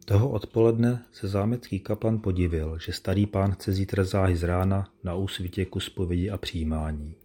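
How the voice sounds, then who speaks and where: A man narrating a classic tale in a measured, solemn manner. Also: deep voice, fairly even intonation, mellow, husky.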